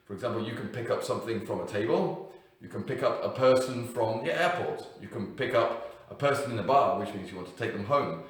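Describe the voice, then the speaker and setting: Male English teacher, unscripted, punchy stress on example words; distant mic, heavy room echo. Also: medium pitch. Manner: unscripted, with fillers and self-corrections, emphatic on example words. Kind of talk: explaining grammar to learners.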